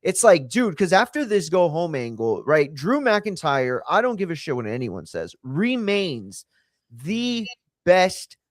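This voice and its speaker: A man co-hosting a late-night wrestling talk show, excitable and swearing freely in casual chat. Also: a little high, unhurried, dry recording, clean studio sound. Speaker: podcast co-host.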